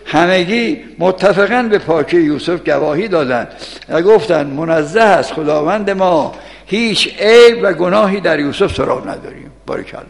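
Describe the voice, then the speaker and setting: A man's voice: high voice, expressive, gravelly. A man giving a casual sermon explaining scripture, mixing recited Arabic verses with everyday colloquial talk and asking the audience questions. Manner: switches between Arabic verse recitation and casual street Persian; asks the audience questions and answers himself. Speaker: Quran teacher. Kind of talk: colloquial Quran exegesis sermon. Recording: long echoey hall reverb.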